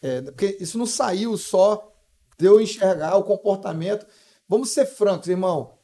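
A man's voice: high voice, mellow. A young Brazilian man telling stories on a podcast in a blunt, slangy way. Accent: Brazilian Portuguese. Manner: blunt, slangy, calls listener brother. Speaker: real estate broker guest. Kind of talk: casual podcast storytelling.

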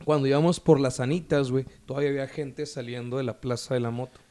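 A man with a northern Mexican accent and a hoarse voice, chatting casually and using heavy slang. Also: medium pitch, fairly even intonation, fast talker, warm tone. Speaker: podcast co-host.

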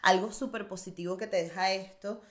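A woman's voice: medium pitch, fairly even intonation, fairly quick, fairly bright tone. A woman hosting a podcast who speaks earnestly, repeating and restarting phrases as she reflects and interviews a guest. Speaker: podcast host.

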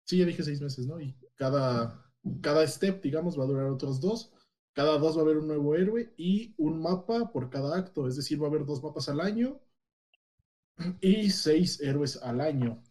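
A man's voice: on the high side, normal speed, darkish tone. A man giving a casual, hesitant, explanatory gaming news report as a podcast co-host.

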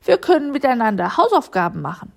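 Chirpy little schoolgirl, high and bright-ish, a bit gravelly, woman putting her on. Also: very animated, fast talker, full character voice. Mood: friendly. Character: bossy then kind young schoolgirl.

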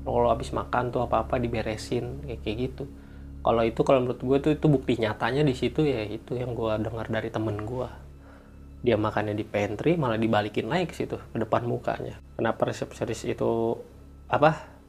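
A man's voice: mid-range voice, fairly even intonation, fairly quick, creaky, darkish tone. A man, chatting as a guest who tells office ghost stories and acts out the sounds with little noises. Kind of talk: casual storytelling chat.

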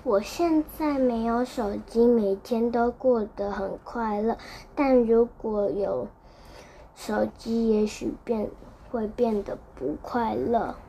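A woman's voice: on the high side, slow pace, dark tone, a little hiss or hum. A woman voicing a curious, kindly young child in a bedtime storybook, earnest and wondering.

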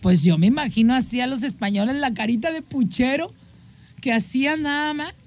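A woman's voice: sits high, fairly quick, darkish tone. A woman with a Mexican accent hosts a show. She tells history in a casual, playful, teasing way. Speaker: host.

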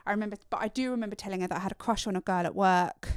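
A woman's voice: medium pitch, fairly even intonation, very fast, smooth, no echo, studio quality. A middle-aged woman co-hosting a casual chat, talking in a hesitant, chatty way and laughing often. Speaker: podcast co-host.

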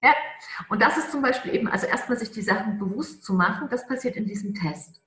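A woman's voice: medium pitch, lively intonation, a bit bright. Emphatic woman coach in a roomy echo. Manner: emphatic, coaching tone with slow stressed words. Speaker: charisma coach, interview guest. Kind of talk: conversational interview.

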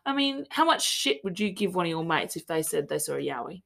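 A woman's voice: fairly low pitch, sing-song, a little fast, vocal fry, a bit bright. An Australian woman hosting a podcast, talking in a chatty, jokey way and swearing freely. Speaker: podcast host. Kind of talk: casual chat.

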